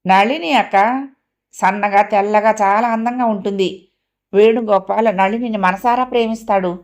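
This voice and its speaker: A woman voicing an excitable young woman, a younger sister who talks eagerly and fretfully in an audio story. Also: medium pitch, normal speed, lightly acted.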